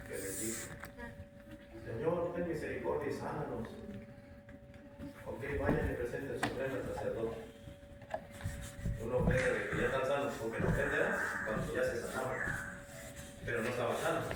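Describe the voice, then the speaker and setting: Animated preaching man in an echoey room. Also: mid-range voice. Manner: animated preaching with rising exclamations. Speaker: pastor. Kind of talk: sermon. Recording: echoey room from far off, noisy.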